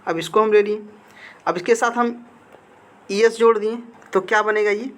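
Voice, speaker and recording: A man's voice: sits high, steady tone, moderate pace, fairly bright tone. A male grammar teacher giving a slide lesson. He keeps asking the students questions and answers them himself, repeating key words. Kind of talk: classroom-style lesson with slides.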